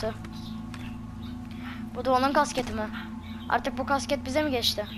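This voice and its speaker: Excitable woman gaming streamer. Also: high voice, moderate pace, background noise. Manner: excitable, shouting reactions, chatty. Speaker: game streamer. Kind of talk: let's-play commentary. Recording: voice over loud game music.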